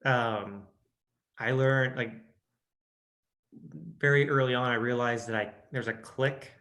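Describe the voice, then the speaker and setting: A man with a Midwestern American accent, an audiobook narrator, talks slowly and with fairly even intonation in a mid-range, slightly bright voice. During the casual interview he sounds hesitant, with many restarts and fillers.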